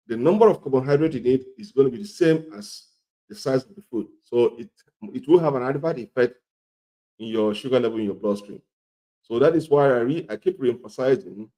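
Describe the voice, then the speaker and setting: Male health presenter, coarse gravelly voice thick with a cold, very dark tone, repetitive and emphatic instructional delivery. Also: medium pitch, low-quality recording. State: congested and hoarse with a cold. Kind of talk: instructional talk to viewers.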